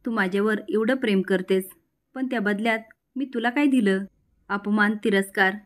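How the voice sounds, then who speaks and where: A woman's voice: mid-range voice, moderate pace, close to an everyday voice. A torn young man of a family drama, read by a woman narrator. He speaks earnestly, pleading at first and scolding later, a little above the narrating voice. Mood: remorseful. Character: young man, torn, guilty then angry.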